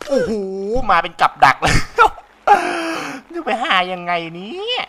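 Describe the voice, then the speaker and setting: A young man with a sore throat giving casual, excitable let's-play commentary, swearing freely and laughing often. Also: extremely high pitch, slow pace, gravelly. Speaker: game commentator.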